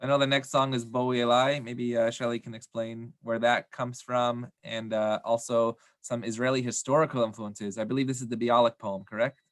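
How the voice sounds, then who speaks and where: A man's voice: mid-range voice, little pitch movement, moderate pace, hardly any pauses, dry recording. Dry-sounding man interviewing. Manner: friendly, asks long rambling questions. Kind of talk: live online interview.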